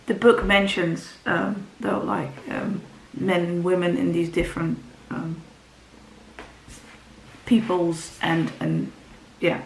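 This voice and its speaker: She's a book vlogger, Dutch by first language, rambling through casual book talk to camera with plenty of ums and restarts. Her voice is low and gravelly, slow-paced but with lively intonation. The room echoes, and there's faint ambience plus a slight hiss or hum.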